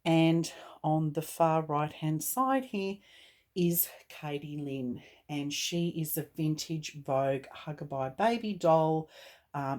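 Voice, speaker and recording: A low-pitched woman talks slowly and softly, filling her pauses with gentle ums. She hosts a doll collecting vlog, chatting through an unboxing in a halting, heartfelt way. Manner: gentle, halting, with frequent fillers. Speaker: doll collecting channel host.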